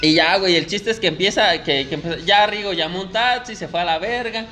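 A man's voice: high-pitched, brisk, pushed and bright. A man with a Mexican accent tells a crude anecdote in a rowdy, profane way, acting out the people in it. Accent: Mexican Spanish. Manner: rowdy, profane, acts out the people in his stories. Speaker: storyteller. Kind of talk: casual crude anecdote telling.

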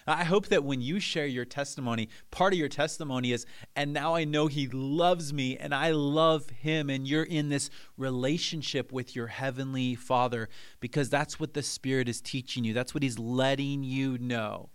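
A man's voice: medium pitch, steady tone, normal speed, clear, resonant tone. A man preaching a sermon as pastor, earnest and repeating phrases for emphasis.

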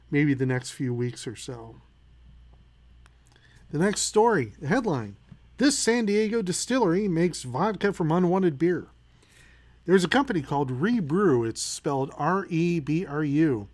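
A middle-aged man with a fairly high voice reads out headlines and then riffs on them in a loose, opinionated way. He stops and restarts often, leans on fillers, and works himself up as he talks. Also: darkish tone. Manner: opinionated, gets worked up, many fillers. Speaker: podcast host. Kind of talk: casual news commentary.

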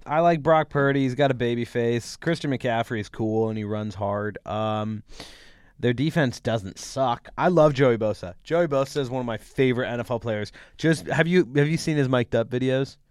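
A man's voice: mid-range voice, normal speed, smooth, no echo, studio quality. A young man co-hosting a podcast, chatting casually and opinionatedly about football, rambling and laughing as he goes. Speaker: podcast co-host. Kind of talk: casual sports chat.

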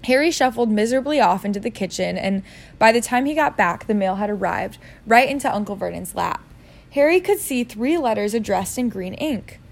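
A woman's voice: on the high side, expressive, fairly quick, gravelly. A woman reading a novel aloud in a casual way, joking about her own misreadings. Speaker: reader.

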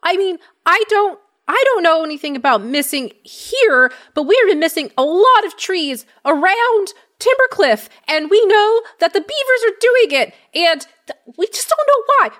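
A woman voicing a small, frightened young male gnome who stammers and pleads in a high, shaky voice. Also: big pitch swings, normal speed, fairly bright tone, exaggerated voice. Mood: nervous.

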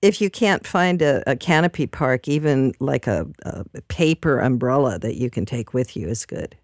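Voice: medium pitch, lively intonation, normal speed. A co-host in a casual panel chat, steering the conversation back on topic.

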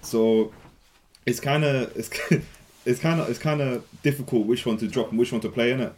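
A man's voice: medium pitch, steady tone, moderate pace, darkish tone. A young man with an urban London roadman accent, talking slangily about football in a casual debate and often repeating himself. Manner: slangy, repeats phrases, often ends on "innit".

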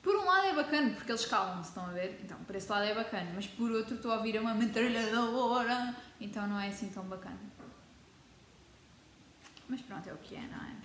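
Teen girl vlogger, European Portuguese accent, chatty and dramatic, mid-pitched voice, roomy echoey sound. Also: steady tone, fast talker, slight background noise. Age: teens. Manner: chatty, dramatic, mixes in English words. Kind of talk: casual chat to camera. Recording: echoey room with faint ambience.

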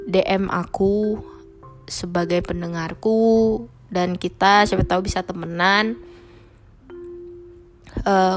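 A young woman hosting her own podcast, talking casually and frankly in slangy speech, with English phrases dropped in. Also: mid-range voice. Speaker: podcast host. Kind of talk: casual solo podcast talk.

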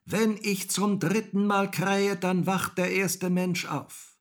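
A man voicing a golden rooster on a church tower, calling down high and drawn out. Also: fairly even intonation, slow pace. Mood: proud.

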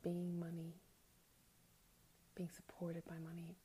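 Soft, hushed woman guiding meditation, very slowly. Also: fairly low pitch, completely flat delivery. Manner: soft, hushed, breathy spa-like delivery, often near a whisper. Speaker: meditation guide. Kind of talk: guided meditation. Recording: meditation music under the voice. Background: music.

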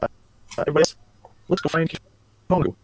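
A man co-hosting a podcast, giving a relaxed, rambling recap of a story with plenty of fillers over an internet call. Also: on the high side, very fast, dry recording. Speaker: podcast co-host. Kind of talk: casual chat, summarizing a book. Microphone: video call. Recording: lagging internet call audio.

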